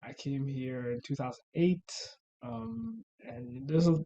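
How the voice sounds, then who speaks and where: A young man from Rwanda talks casually as a guest in an interview. He pauses often with ums and uhs and laughs lightly between thoughts, at an ordinary middle pitch. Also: sing-song, vocal fry, warm tone, highs cut off. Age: young adult.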